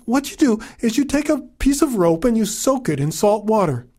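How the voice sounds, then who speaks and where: A man's voice: high-pitched, very animated, moderate pace, a little mellow, voice pushed up. A man voicing a kindly, wise old mother in a told folktale, amused and matter-of-fact.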